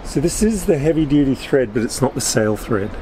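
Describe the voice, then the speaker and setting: On the deck of a sailboat at anchor, a man in his fifties talks through a repair step by step as he works with his hands. His mid-range voice is expressive and fairly quick, caught by the camera mic along with outdoor wind and ambient noise.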